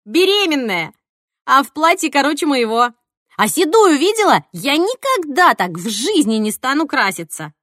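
A woman playing a brash young woman in an audiobook, loud and blunt, her voice pitched high and bouncing. The sound is close and dry. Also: sing-song, moderate pace, no room sound, full character voice. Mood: scornful.

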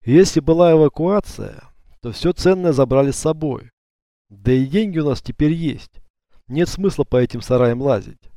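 A man voicing a calm, commanding gang leader in an audiobook, speaking curtly and sardonically. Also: a little high, moderate pace, no room sound, clean studio sound, pitched above the performer's own voice, natural voice. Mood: matter-of-fact. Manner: curt, sardonic. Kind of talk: audiobook character voice.

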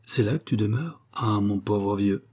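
A male reader voicing an elegant young lady in a storybook reading, chatty and brisk, in quick lively bursts. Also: on the low side. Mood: surprised.

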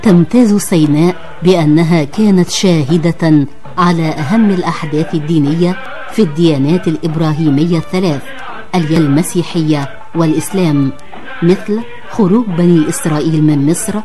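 An Egyptian woman reading a scripted radio documentary as a formal, measured narrator. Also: sits low, over music.

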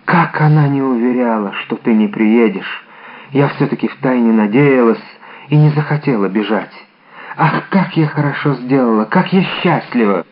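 A man voicing a frail, devoted young woman, soft and pleading, in an audiobook. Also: medium pitch, normal speed, close to an everyday voice. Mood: tender. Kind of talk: audiobook character reading. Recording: dull lo-fi audiobook recording.

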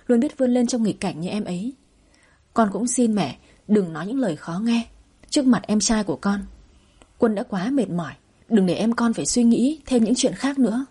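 A woman's voice: medium pitch, mellow, husky. A woman storyteller voicing an earnest young adult son who pleads with his parents in a spoken audio story.

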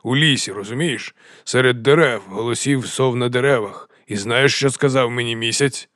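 Man reading as a big jolly madman chief, slow drawl, sing-song, hushed then loud, dry close sound. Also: medium pitch, no room sound, natural voice. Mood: jovial, unhinged. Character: fat mad cheerful male hill chieftain. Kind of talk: audiobook character voice.

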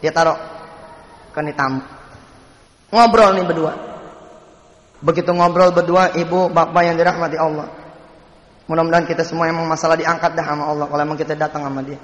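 A middle-aged man, preaching a sermon as a story told to the congregation in a lively, jokey way. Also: a little high, fairly quick, long pauses, muffled recording. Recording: echoey hall with long reverb.

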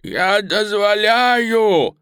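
Frail old watchman, high and strained, calling out weakly. Dry sound. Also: lively intonation, very slow, clear, resonant tone, dry recording, exaggerated voice. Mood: desperate. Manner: high, strained, faint shouting. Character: old male village watchman, frail and desperate.

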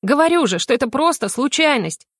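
A woman voicing a defiant, flustered young woman under interrogation, higher and livelier than her narration, in an audiobook. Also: a little fast, no room sound, clean studio sound, lightly acted. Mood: pleading. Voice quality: raised pitch, lively and indignant. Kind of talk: audiobook character voice.

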